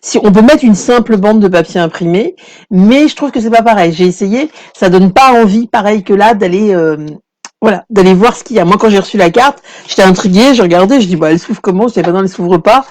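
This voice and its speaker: A woman's voice: medium pitch, a little fast, darkish tone. A woman hosting a live craft tutorial stream, chatting casually with many fillers and greeting viewers as their comments come in. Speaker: craft workshop host.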